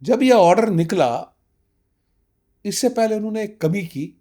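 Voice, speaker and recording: With a high, warm, animated voice and a slightly slow pace, a man of roughly sixty from Kashmir testifies in an interview as a community representative. He is emphatic and insistent, leans on rhetorical questions, and mixes in some English.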